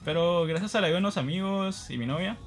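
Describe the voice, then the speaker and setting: A man from Guatemala recounts a mishap as a guest, in a slightly high voice that keeps breaking into laughter. His telling is casual and self-deprecating. Faint music plays underneath. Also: fast.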